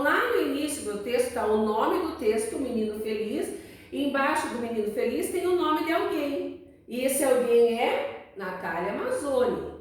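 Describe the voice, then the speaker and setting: A woman with a high, lively voice teaches young children at a slow, patient pace, repeating words so they can follow. She sounds set back from the mic in a very echoey room. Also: distant mic. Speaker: primary school teacher. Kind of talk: recorded remote class lesson.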